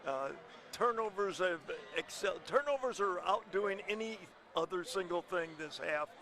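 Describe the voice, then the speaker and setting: An older man, a coach, giving plain, measured basketball color commentary in a high school gym. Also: expressive, sharp tone.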